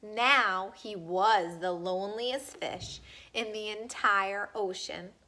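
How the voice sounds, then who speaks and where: A woman reading a children's story aloud expressively, pausing to put questions to young listeners. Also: mid-range voice, sharp tone.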